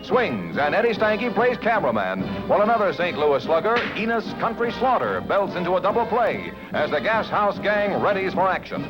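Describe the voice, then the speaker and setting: A man narrating an old 1950s newsreel in a brisk, punchy announcer style. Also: high voice, big pitch swings, over loud music. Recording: dull lo-fi 1950s newsreel soundtrack.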